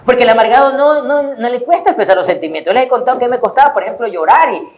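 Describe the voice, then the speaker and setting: A man's voice: very high-pitched, animated, fast, muffled recording. A man giving a conversational sermon as a pastor, with self-deprecating humor and acted-out snippets of dialogue.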